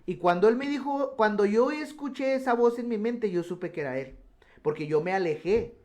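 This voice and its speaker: A man's voice: high-pitched, expressive, moderate pace, a little mellow. A man telling his personal testimony on a radio program, earnest and full of restarts. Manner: earnest storytelling with many restarts. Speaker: guest giving testimony.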